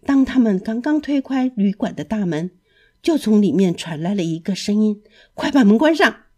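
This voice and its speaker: A woman narrating a children's storybook in an expressive, lilting way. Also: medium pitch, normal speed, husky.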